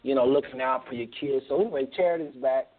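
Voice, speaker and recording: A man's voice: mid-range voice, quick pace. A man hosting a phone interview in a folksy, chatty way, often cutting in on his guests. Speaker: host. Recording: tinny phone line.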